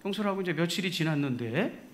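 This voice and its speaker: Lively man preaching a sermon. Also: a little high, quick pace. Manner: animated storytelling with laughter. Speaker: pastor. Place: church sanctuary.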